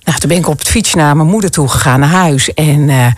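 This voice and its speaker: A woman hosting a casual conversation, telling a story in an animated way. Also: fairly quick, no echo. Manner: animated storytelling, acts out voices with big pitch jumps.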